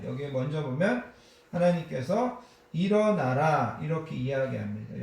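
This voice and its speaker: A man's voice: a little high, gravelly, a little mellow. A man preaching a Sunday sermon as pastor, talking through Bible passages with frequent fillers and acting out the quoted prayers. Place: church sanctuary. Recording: very echoey church sanctuary.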